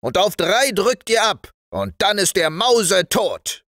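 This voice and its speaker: A man voicing a gruff, bossy toy-soldier sergeant who barks commands in a storybook reading. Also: high-pitched, sing-song, takes it slowly, sharp tone, no echo, studio quality, pitched above the performer's own voice, heavily acted. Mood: commanding. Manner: barked commands.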